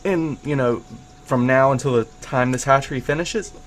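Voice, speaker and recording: This host, analyzing a match replay, has a medium-pitched voice at normal speed, with slight noise behind him. Hiccups interrupt him as he casually thinks aloud about the player's actions and grows excited at his discoveries.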